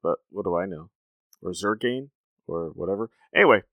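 A man's voice: sits low, lively intonation, normal speed, dry recording, lo-fi sound. A man hosting casual, informal reaction commentary on television episodes, talking in a chatty way. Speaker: reaction host.

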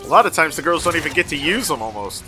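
A man's voice: fairly high pitch, big pitch swings, fast, pushed and bright, soft background music. A man giving casual commentary as he reacts to a show.

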